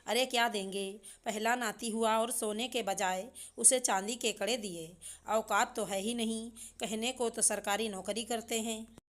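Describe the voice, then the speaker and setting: A woman's voice: fairly high pitch, steady tone, a little slow, a bit bright. A woman voicing a scornful middle-aged father-in-law who taunts and dismisses.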